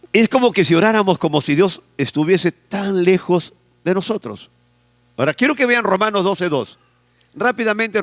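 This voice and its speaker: This Peruvian pastor preaches a sermon in Peruvian-accented Spanish, his voice sitting high and a little bright with no room sound. He has the congregation repeat phrases back to him.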